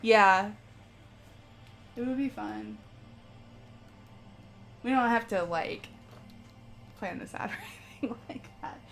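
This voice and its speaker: A woman's voice: medium pitch, slow pace, vocal fry, long pauses, a bit bright, soft background music. A woman streaming live while she paints, chatting casually with viewers in a rambling way and laughing often.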